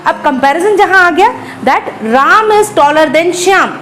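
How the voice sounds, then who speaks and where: A woman teaching a grammar lesson. She mixes Hindi and English, says example words slowly and often checks in with her students. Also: very high-pitched, expressive, a bit bright, faint music behind, low-quality recording.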